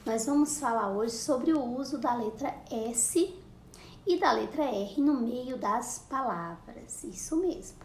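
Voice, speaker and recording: A woman's voice: fairly high pitch, slight background noise. A woman teaching a lesson to young children, patiently repeating words and sounding out syllables. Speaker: primary school teacher. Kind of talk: recorded classroom lesson for children. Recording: echoey room, faint ambience.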